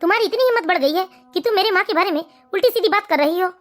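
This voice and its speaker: A woman voicing a cruel, hot-tempered young husband in an animated family story, with blunt, gruff threats. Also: very high-pitched, rapid-fire, faint music behind. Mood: angry.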